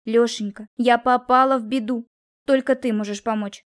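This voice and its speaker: A woman's voice: on the high side, fairly quick, darkish tone, natural voice. Woman reading as a pushy, scheming woman. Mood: insistent. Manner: demanding, scolding, then wheedling. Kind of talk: audiobook character reading.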